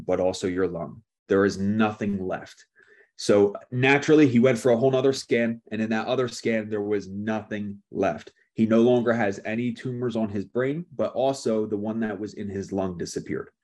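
Deep, husky-voiced man preaching. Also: a little mellow. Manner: casual and conversational, with frequent "like" and restarts. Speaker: pastor. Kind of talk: sermon with personal storytelling.

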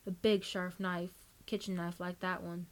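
A woman's voice: level tone, a little slow, natural voice. A woman voicing a creepy, unhinged old grandfather who growls his lines in a read-aloud horror story. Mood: menacing. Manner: low growling menace.

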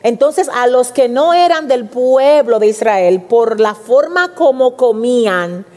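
A woman preacher delivering an animated sermon, speaking directly to the congregation and acting out quotes. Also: on the high side, takes it slowly. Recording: long hall reverb.

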